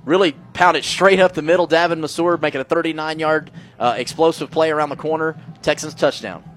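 A man's voice: fairly high pitch, steady tone, brisk, fairly bright tone, slight background noise. A man giving color commentary on a football broadcast, breaking down plays in a casual, filler-laden way. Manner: conversational, explains blocking schemes, many fillers.

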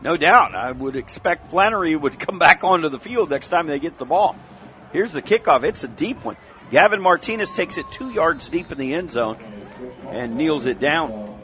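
An American man giving live play-by-play commentary on a high school football game. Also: lively intonation, normal speed, pushed and bright, slight background noise. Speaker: play-by-play sports announcer.

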